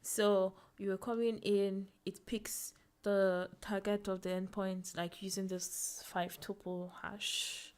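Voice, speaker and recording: A woman's voice: mid-range voice, level tone, takes it slowly, hardly any pauses, a little mellow, clear, resonant tone. A young woman explaining networking as a tutorial host, thinking aloud with fillers, restarts and small laughs at herself. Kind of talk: casual screen-share walkthrough.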